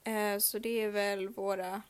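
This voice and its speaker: A woman's voice: mid-range voice, little pitch movement. A young woman hosting a casual podcast, rambling with many fillers and jokes. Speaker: podcast host.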